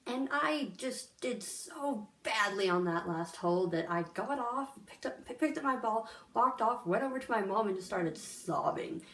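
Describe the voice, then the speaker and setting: In an echoey room, a young woman vlogs to the camera in a casual, earnest monologue packed with fillers. Her voice sits a little high and fairly bright, with lively intonation, a normal pace and hardly any pauses.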